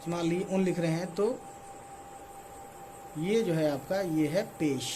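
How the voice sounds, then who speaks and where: A man's voice: fairly high pitch, a little slow, background noise. A man teaching reading as a casual online lesson, spelling out letters and checking in after each point. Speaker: Urdu teacher.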